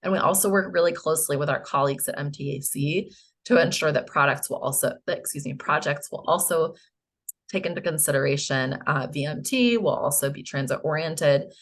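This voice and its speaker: An American woman with a hoarse, croaky voice, giving a public presentation to a board. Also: low voice, fairly quick. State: hoarse, coughing. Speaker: presenter, housing finance agency staff.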